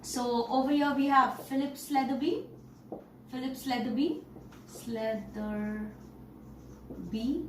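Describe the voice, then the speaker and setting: A woman teaching an English story lesson, explaining words slowly and checking in with "okay" and "all right". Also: high-pitched, steady tone. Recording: roomy, distant mic, faint noise.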